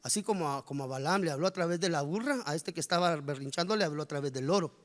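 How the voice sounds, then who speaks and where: A man preaching a sermon as pastor, animated and firing rhetorical questions at the congregation. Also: fairly high pitch, fast talker. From Guatemala. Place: church. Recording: reverberant church hall.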